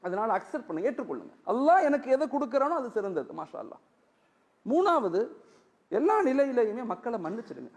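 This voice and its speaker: High-voiced gravelly preacher. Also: male voice. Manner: storytelling, quoting others in dialogue; gentle exhortation with repeated phrases. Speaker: Islamic preacher. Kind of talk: sermon.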